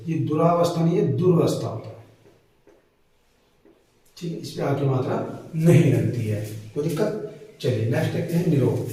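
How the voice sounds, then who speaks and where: A man's voice: on the high side, mellow. A young adult male teacher explaining Hindi spelling mistakes, repeating each word and quizzing his students with questions. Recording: roomy echo, distant mic, faint noise.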